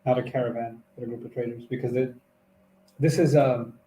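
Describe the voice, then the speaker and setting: A man in casual scholarly conversation explains translation choices carefully, often restarting his sentences as he thinks aloud. His voice is warm and mellow. The recording has an echoey room sound with a faint background hum. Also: mid-range voice, fairly even intonation, a little fast. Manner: thoughtful, self-correcting, explanatory. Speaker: co-host discussing a translation.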